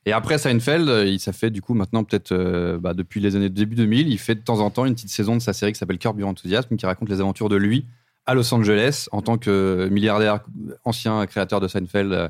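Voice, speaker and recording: A man's voice: lowish voice, fast talker, no echo, clean studio sound. A man co-hosting a podcast, chatting casually and rambling through jokey recommendations. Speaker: podcast co-host. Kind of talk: casual chat.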